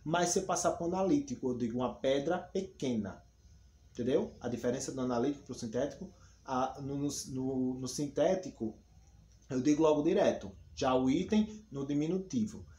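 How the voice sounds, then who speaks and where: A man's voice: mid-range voice, normal speed, dark tone. A male teacher going through a grammar lesson, patient, repeating each point and spelling out examples. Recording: echoey room, faint background hum.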